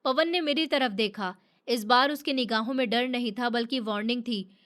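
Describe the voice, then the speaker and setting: A woman's voice: on the high side, moderate pace. Woman narrating a dramatic story. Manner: steady, dramatic first-person telling.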